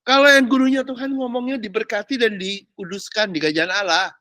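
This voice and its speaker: A male pastor preaching a sermon, animated and chatty, with mocking asides and casual slang. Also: sits high, a little fast, no echo.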